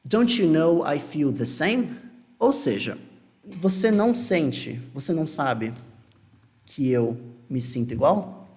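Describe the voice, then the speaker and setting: A man's voice: fairly high pitch, big pitch swings, takes it slowly, darkish tone. A Brazilian man giving a casual English lesson, explaining phrases patiently and repeating them. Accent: Brazilian Portuguese. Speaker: English teacher.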